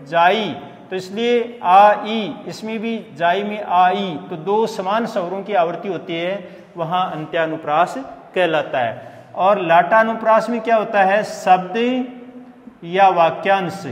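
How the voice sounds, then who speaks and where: High-voiced man teaching in an echoey room. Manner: slow and explanatory, repeating phrases, sounding out syllables. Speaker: Hindi literature teacher. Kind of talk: classroom-style lecture.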